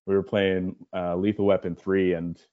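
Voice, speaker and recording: A man's voice: low-pitched, little pitch movement, normal speed. A man, a podcast guest, telling stories in an easygoing way. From Canada. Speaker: guest, league co-organizer. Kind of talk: casual chat. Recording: dull remote audio.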